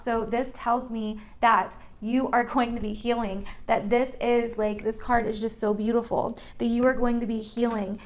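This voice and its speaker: A woman with a slightly high voice hosts an online tarot reading. She chats casually with viewers, speaking emphatically and repeating phrases for stress.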